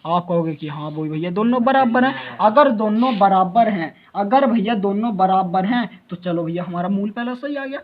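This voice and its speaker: A man's voice: high-pitched, moderate pace, few pauses, muffled recording. A male math teacher giving a lecture, constantly asking his students rhetorical questions and calling them brother.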